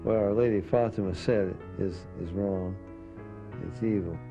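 Man, assertive teaching talk, low gravelly voice, lo-fi audio, music clearly behind. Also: steady tone, normal speed. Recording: dull lo-fi recording with music.

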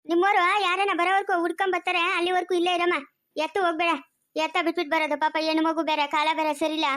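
In a home-made family skit, a woman with a very high, fairly bright voice speaks very fast with little pitch movement, playing a kind village mother. Her mood is coaxing; she soothes, then grumbles under her breath.

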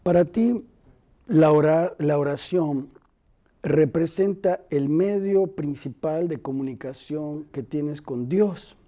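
A man in his sixties, a pastor hosting a devotional TV show, talking calmly and reflectively in a studio on a lapel mic. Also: a little high, slow pace. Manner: calm, reflective, paraphrases the guest. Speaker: pastor and TV host. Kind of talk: devotional TV interview. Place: TV studio set, indoors.

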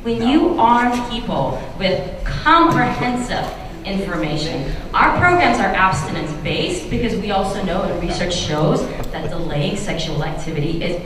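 Earnest woman panelist in an echoey hall. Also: on the low side. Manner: earnest, many um fillers. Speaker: panelist for a health care organization. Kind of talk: panel discussion. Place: large convention hall, seated at panel table. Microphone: table mic on stand, recorded from far camera. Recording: echoey hall recorded from far off.

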